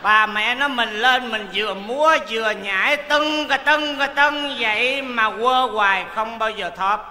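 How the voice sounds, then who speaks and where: A man's voice: extremely high pitch, unhurried, background noise. An actor playing a broke male folk-opera actor in a stage comedy sketch, teasing and exasperated. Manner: teasing, exasperated, loud and playful. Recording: echoey hall stage recording.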